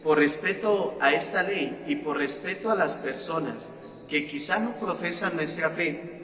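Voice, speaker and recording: Mexican priest, man, bright tone, unhurried teaching sermon in a reverberant church. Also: a little high. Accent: Mexican Spanish. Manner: slow and deliberate, with frequent fillers and repeated words. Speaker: parish priest. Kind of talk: sermon-style teaching talk.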